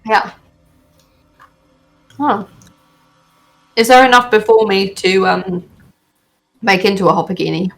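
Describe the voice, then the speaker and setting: A woman's voice: mid-range voice, slow, vocal fry, pauses often. A woman chatting casually as a player in a tabletop role-playing game.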